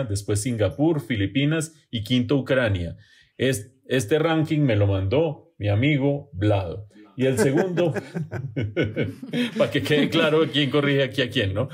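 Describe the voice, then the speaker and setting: Guy cohosting a chat podcast, kinda husky voice, ribbing his cohosts. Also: mid-range voice, a little mellow. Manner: teasing, playful, laughs while talking. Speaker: podcast co-host. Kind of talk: casual panel chat.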